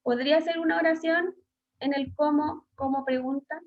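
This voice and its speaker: This schoolteacher, a woman with a Chilean Spanish accent, runs an online class by video call, sounding hesitant as she fills pauses and asks pupils questions. Her voice is high-pitched with fairly even intonation at a moderate pace, and the call audio is dull and lo-fi.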